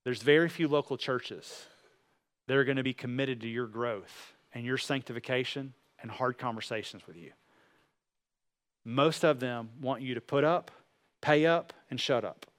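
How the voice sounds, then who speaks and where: A man's voice: medium pitch, moderate pace, a bit bright. A man giving a sermon, speaking earnestly and directly to listeners with rhetorical questions and repeated phrases. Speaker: pastor preaching.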